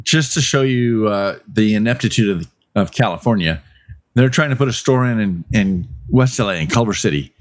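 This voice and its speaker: A man commenting on a political talk show in a blunt, exasperated way. His voice sits at a middle pitch and is recorded dry and close, with no room sound. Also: animated, normal speed, dry recording.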